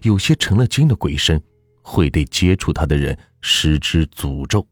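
A man narrating a folk ghost story in a measured, steady storytelling manner. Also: very deep voice, breathy edge, no echo, studio quality, soft background music.

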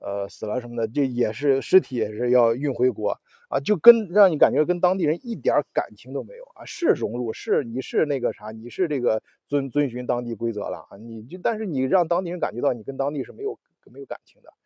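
A man's voice: medium pitch, animated, fast, mellow, slightly rough, dry recording. A man hosting a casual solo talk show, rambling with many restarts and fillers. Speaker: podcast host. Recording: dull, lo-fi audio.

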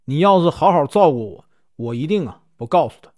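A man telling a folk tale, voicing a weak, bedridden husband who speaks low and quietly. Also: lively intonation, fairly quick, natural voice. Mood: pleading.

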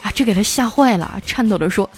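A woman hosting a comic storytelling podcast, chatty and lively, stretching out her sentence endings. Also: mid-range voice, brisk, faint music behind. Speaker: host.

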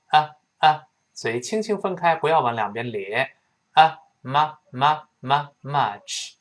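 A man giving a spoken English lesson with a lively, swinging pitch. He breaks words into single sounds and repeats them slowly for listeners to copy. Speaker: English teacher.

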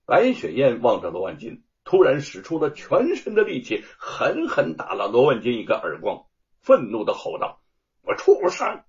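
Man narrating a story, very animated pitch, vivid delivery, dull lo-fi sound. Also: moderate pace. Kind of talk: dramatic audiobook narration. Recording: dull lo-fi audio.

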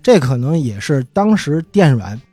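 A man's voice: mid-range voice, very animated, moderate pace, warm tone, no room sound. A middle-aged man with a Beijing accent, telling stories casually as an interview guest in an easygoing, colloquial way that often repeats itself. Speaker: interview guest, former magazine editor. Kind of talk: casual storytelling.

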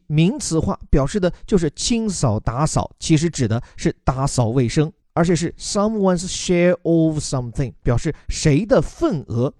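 Man, young adult, lesson podcast, spells words out letter by letter, slightly high voice, dry sound. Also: mellow, no room sound. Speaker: English teacher explaining a news text. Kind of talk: podcast lesson mixing Chinese and English.

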